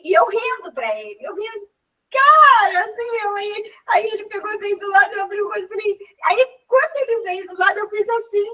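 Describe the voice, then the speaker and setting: A woman, older, telling a lively personal story in casual chat, laughing often and acting out what people said. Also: very high voice. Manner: animated, laughing, acts out dialogue. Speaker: group member sharing a story. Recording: voice from far off the mic.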